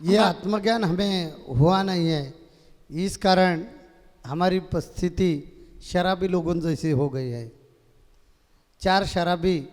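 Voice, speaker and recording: A man giving a devotional discourse, telling a parable in a slow, halting, repetitive way. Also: on the high side, darkish tone, in a large hall. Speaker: spiritual storyteller.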